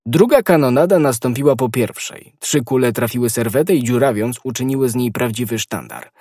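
A man narrating a classic adventure novel in a steady, expressive reading. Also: medium pitch, fairly quick, breathy edge, no echo, studio quality. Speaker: audiobook narrator. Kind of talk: scripted literary narration.

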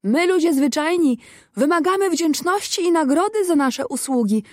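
A stern, distrustful poor fisherman scolds and lectures in a storybook tale, as a woman reads him aloud. The voice sits fairly high and is recorded close and dry. The reading stays plain. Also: expressive, moderate pace, no echo. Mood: reproachful. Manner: reproachful, lecturing.

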